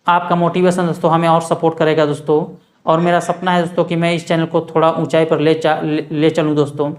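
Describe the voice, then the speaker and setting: A man teaching English grammar, slowly repeating example sentences word by word and constantly addressing his viewers as friends. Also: a little high. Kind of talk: grammar lesson.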